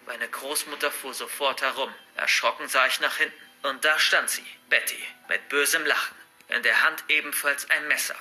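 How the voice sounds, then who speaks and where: A man's voice: a little high, sharp tone. A man narrating a scripted first-person horror story for bedtime in an earnest storytelling manner. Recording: faint background music.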